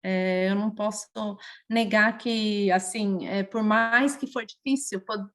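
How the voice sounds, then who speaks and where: A woman's voice: medium pitch, slow. A woman from Brazil, speaking with a Brazilian Portuguese accent, tells personal stories as a guest in a casual podcast interview. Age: adult, mother of a young child. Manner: lively, emotional personal storytelling.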